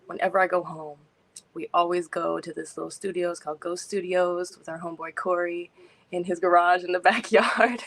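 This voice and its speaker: A young woman from Indiana talks about her music on a radio show, relaxed and chatty. Her voice sits low, with a gravelly fry at its edges. She laughs easily between thoughts. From Indiana, USA. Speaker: singer-songwriter guest. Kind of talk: casual radio interview.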